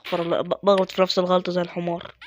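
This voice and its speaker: A man's voice: high voice, completely flat delivery, racing, background noise. A man with an Egyptian accent giving casual gameplay commentary, muttering to himself and mocking his own mistakes. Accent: Egyptian Arabic. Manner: mutters to himself, self-mocking, with sudden exasperated outbursts. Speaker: gaming YouTuber.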